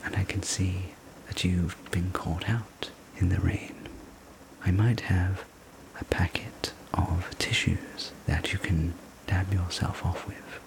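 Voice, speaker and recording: Slow whispered role-play by a sleep story man. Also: deep voice, fairly even intonation, vocal fry, rough recording. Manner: soothing, gentle, unhurried sleep story narration. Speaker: sleep story narrator playing a night-shift diner server.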